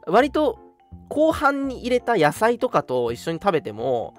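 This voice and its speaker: A young man co-hosts a radio show, chatting casually, laughing easily and sometimes reading listener comments aloud. His voice is high with huge pitch swings and a slightly slow pace, and music plays behind the talk.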